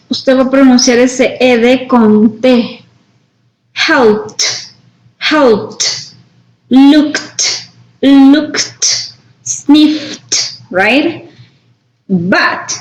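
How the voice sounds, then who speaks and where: Woman teacher, slightly high voice, very slow explanatory delivery, frequent check-in questions, echoey lo-fi recording. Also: a little mellow. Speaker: English teacher. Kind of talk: classroom lesson, mixing Spanish and English. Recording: echoey room, dull lo-fi sound.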